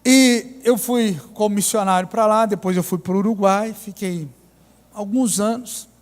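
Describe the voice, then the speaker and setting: A pastor with a Mineiro accent, telling a story in a sermon with ironic humor. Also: male voice, high voice, unhurried. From Minas Gerais, Brazil. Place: church. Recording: reverberant church hall.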